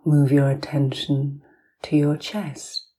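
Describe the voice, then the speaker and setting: A low-pitched woman with little pitch movement hosts a guided hypnosis session styled as a sleep story. Her delivery is soft, soothing, breathy, and nearly whispered, with short phrases and long pauses.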